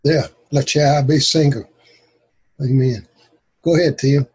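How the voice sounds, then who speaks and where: A man's voice: mid-range voice, fairly even intonation, unhurried, darkish tone, husky. A man leading a casual faith group discussion in a folksy way, calling on people by name. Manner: folksy, calls on speakers by name. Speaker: prayer group leader.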